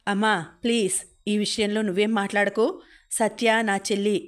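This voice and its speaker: A woman's voice: medium pitch, little pitch movement, moderate pace, close to an everyday voice. A woman reading the part of a fiery, protective young man who scolds his elders. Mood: determined.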